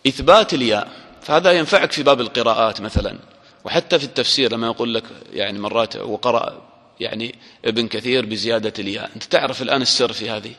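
A man's voice: medium pitch, fairly bright tone. Man teaching grammar in a reverberant hall. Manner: quizzes listeners with short questions; stretches out quoted example words slowly. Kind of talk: grammar lesson to a class.

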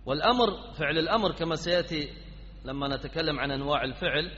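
A man's voice: on the high side, fast, sharp tone. A man teaching an Arabic grammar class, quizzing his students and prompting them with repeated questions. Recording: dull lo-fi sound in a reverberant hall.

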